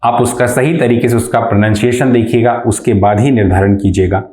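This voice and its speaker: A man's voice: medium pitch, fairly even intonation, a little mellow. Man, grammar teacher, answers his own questions, echoey room. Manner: asks questions and answers them himself; slow, deliberate, repeats key terms. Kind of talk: explanatory lesson.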